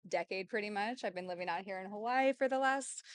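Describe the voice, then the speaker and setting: A woman's voice: medium pitch, fast, no echo. A woman from San Diego, a yoga and sound healing practitioner, introducing herself to a small group, a bit self-conscious and giggly. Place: wellness studio with a small audience.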